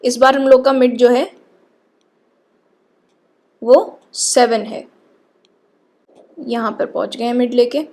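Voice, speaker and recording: A woman with a high voice gives a coding lecture. She walks through each step patiently and keeps checking that her listeners follow along. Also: steady tone, slow, long pauses, a little mellow. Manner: explains patiently, often checks in with "ठीक है". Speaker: programming teacher.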